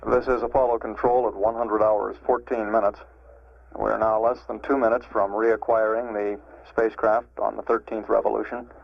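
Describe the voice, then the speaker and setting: Flat, low-voiced American mission announcer. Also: male voice, vocal fry. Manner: measured, factual, hesitant pauses. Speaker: mission control public affairs announcer. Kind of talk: live mission status commentary. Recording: echoey, dull vintage broadcast audio.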